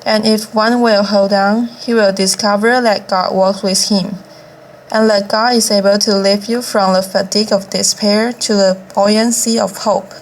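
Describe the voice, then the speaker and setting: Woman giving a formal eulogy speech, oratorical, medium pitch, bit of noise behind her. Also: low-quality recording. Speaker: speaker delivering a famous eulogy.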